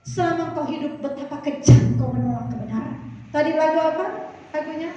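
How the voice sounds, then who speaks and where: A woman pastor giving an animated sermon, telling stories, acting out dialogue and breaking into song. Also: sits high, brisk. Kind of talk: sermon with storytelling and sung lines. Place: church. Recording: echoey hall, distant mic, dull sound.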